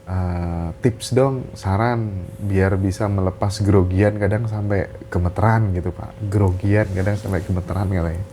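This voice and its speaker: A man's voice: sits low, steady tone, unhurried, mellow, slight background noise. A man hosting a live talk show, eagerly asking questions and relaying viewers' questions to his guest. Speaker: host.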